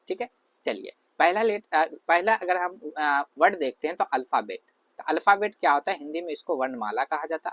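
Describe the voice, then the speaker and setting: A man's voice: on the high side, a bit bright, no echo. Patient male teacher, dry close recording. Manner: explains patiently, with frequent fillers and repetition. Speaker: online language teacher. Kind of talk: classroom lecture over slides.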